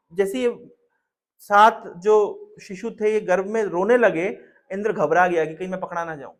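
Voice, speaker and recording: This is a male preacher giving a devotional storytelling sermon. His voice is notably high, and he speaks emphatically, repeating key phrases and posing rhetorical questions to the listeners.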